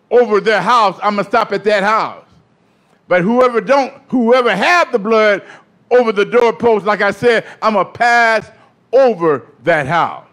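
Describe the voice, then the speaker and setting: A man preaching a sermon in call-and-response style, building from steady talk up to shouting. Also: high voice.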